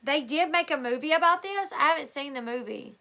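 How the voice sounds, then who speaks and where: This hoarse woman hosts a livestream, reading a book aloud and chatting casually with viewers in loose speech full of fillers and restarts. Her voice is high-pitched and bright, with lively intonation, a forceful tone and a slightly fast pace.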